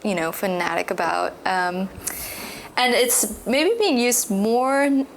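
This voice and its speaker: Woman guest on a podcast, kinda hoarse, mid pitched, rambles and restarts a lot. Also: takes it slowly, a little hiss or hum, rough recording. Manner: rambling and animated, many restarts and fillers. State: hoarse, losing her voice. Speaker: podcast guest, visual artist. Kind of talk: casual conversational interview.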